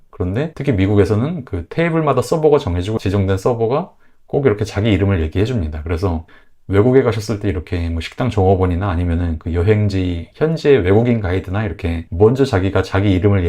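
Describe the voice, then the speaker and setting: A Korean man teaching English pronunciation in a casual video lesson, explaining step by step and saying example words slowly. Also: fairly low pitch, warm tone.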